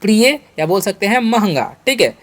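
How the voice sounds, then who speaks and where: A man with an Indian accent teaches English vocabulary, repeating every question and answer and reading example sentences slowly and deliberately. His voice is high, very animated, and fairly bright.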